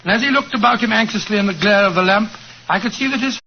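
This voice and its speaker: A man's voice: high-pitched, quick pace. An older man playing an elderly doctor who genially tells a story, in 1940s radio acting. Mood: storytelling. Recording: muffled old radio broadcast with faint hiss.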